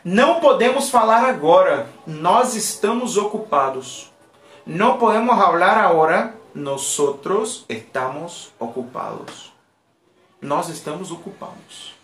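A language teacher whose first language is Portuguese, giving a live online lesson and repeating phrases patiently and slowly for learners. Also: medium pitch, lively intonation, fairly bright tone, a little hiss or hum. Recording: roomy echo.

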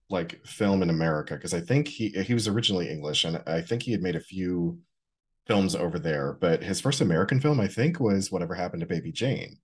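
A man in his forties with a very low, husky voice, co-hosting a podcast. He talks in a relaxed, wry, knowing way, with a gravelly-soft breathiness. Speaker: podcast co-host. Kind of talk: casual chat.

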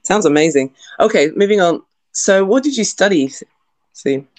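A woman's voice: medium pitch, animated, moderate pace, darkish tone, no echo. A woman hosting a podcast interview, introducing her guest and asking questions with friendly, enthusiastic reactions. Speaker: podcast host and lecturer.

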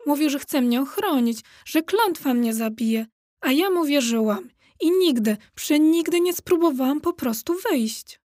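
Flighty ghost lady of a castle, as a woman puts her on, high fluttery voice, breathless and excitable, dry close sound. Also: unhurried, dry recording. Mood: giddy. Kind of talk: children's audiobook character voice.

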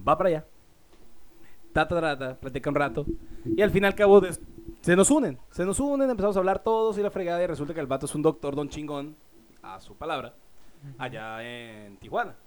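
A man's voice: on the high side, animated, brisk, darkish tone. A man with a Mexican accent telling a story in a casual chat, full of slang.

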